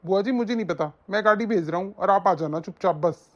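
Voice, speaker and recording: A woman voicing a caring young nephew in an animated story, coaxing and insistent on a phone call. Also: mid-range voice, fairly quick, lightly acted.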